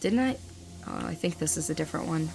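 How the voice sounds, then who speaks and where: A woman streamer chatting through live gameplay commentary, reading and answering chat, her voice slightly hoarse as it recovers. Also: low-pitched, expressive, fast, darkish tone.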